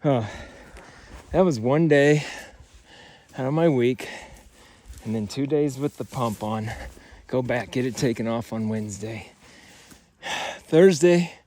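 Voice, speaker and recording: Guy vlogging on a hilly hike, out of breath, slow halting talk, some outdoor noise. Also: mid-range voice, a little mellow. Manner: winded from hiking uphill, halting delivery. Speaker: vlogger sharing his cancer story. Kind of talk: casual talk to camera while hiking.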